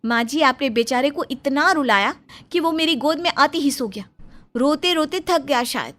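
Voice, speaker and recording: A woman's voice: sits high, animated, normal speed, a bit bright, soft background music, voice pushed up. A woman voicing a worried, frustrated young mother and daughter-in-law in a cartoon story, anxious and pleading. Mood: exasperated. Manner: anxious, pleading, rising to exasperation.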